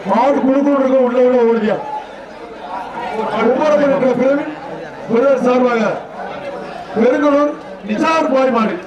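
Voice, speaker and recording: A man from Tamil Nadu calling out live commentary and shouted warnings at an outdoor bull-taming event, heard through a loudspeaker. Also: very high voice, muffled recording. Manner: shouted warnings and rapid calls. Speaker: event announcer. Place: outdoor festival arena. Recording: echoey loudspeaker from far off, loud crowd. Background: crowd noise.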